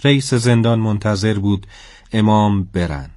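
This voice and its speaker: A man narrating a story in a steady, scripted storybook style. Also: fairly low pitch, dry recording, clean studio sound.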